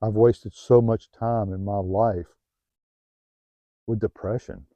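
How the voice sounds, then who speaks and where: A middle-aged man with a Southern US accent gives heartfelt self-help advice, often restarting his phrases and growing quieter when he gets personal. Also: on the low side, steady tone, takes it slowly, dry recording. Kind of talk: earnest motivational talk to camera. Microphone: new home-video mic, dull sound.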